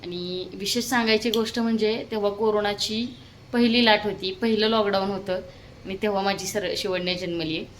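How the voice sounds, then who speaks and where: A woman in her thirties from Maharashtra, India, a family vlogger and mother, chats casually on her vlog and coaxes a toddler with questions, recorded on a handheld phone. Her voice is medium-pitched and fairly quick, with fairly even intonation and a little hiss or hum.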